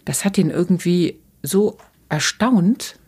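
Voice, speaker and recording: Actress in her 50s, low deep voice, frank and lively as she recounts her career in conversation. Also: slow, slightly rough. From Germany, Solingen. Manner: frank, lively storyteller with many fillers. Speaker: actress, interview guest. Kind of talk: conversational interview, personal anecdotes.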